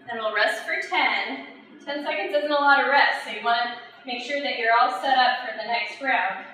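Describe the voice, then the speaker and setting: A high-voiced woman coaches a workout, explaining each exercise as she demonstrates it. She is heard from across a very echoey room, with clear background noise around her. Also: normal speed, bright, forceful tone. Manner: instructive, demonstrating while exercising. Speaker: fitness instructor. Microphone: camera at a distance. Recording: echoey room from far off, noisy.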